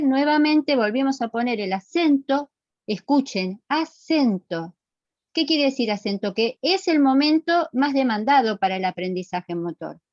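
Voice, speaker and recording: A woman's voice: on the high side, a little mellow, no room sound, highs cut off. A woman teaching an online class, explaining step by step and quizzing her students. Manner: explanatory, asks the class questions and repeats answers.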